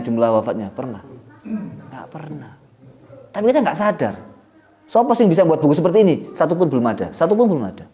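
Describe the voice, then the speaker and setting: A middle-aged man with an East Javanese accent teaching a lively, joking religious lecture to students, with Javanese asides. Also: on the high side. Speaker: pesantren head teacher.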